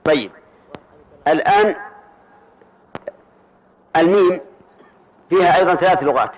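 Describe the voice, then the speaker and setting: A man with a high voice leads a grammar lesson, spelling out each variant with patient repetition. He pauses to check that his listeners follow. The recording is dull and lo-fi. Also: a little hiss or hum. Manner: methodical, repeats words slowly and checks if students follow. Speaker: teacher. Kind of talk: grammar lesson explaining a poem line.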